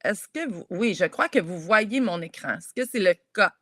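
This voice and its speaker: A Québécoise woman on a video call, walking children through a poem step by step. Her voice sits at a middle pitch, and the sound is dry and close, with no room around it. She sounds lively and encouraging as she speaks straight to the kids. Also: moderate pace, no echo. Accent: Québécois French. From Quebec. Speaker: children's author leading a workshop. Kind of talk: teaching schoolchildren over a video call.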